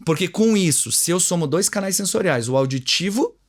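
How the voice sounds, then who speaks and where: A man's voice: high-pitched, animated, a little fast. A man with a Brazilian accent, an invited trainer who explains in a didactic way and plays with his own intonation to create contrast. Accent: Brazilian Portuguese. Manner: acts out short dialogues to give examples. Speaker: communication and NLP trainer, guest. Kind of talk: explanatory interview talk.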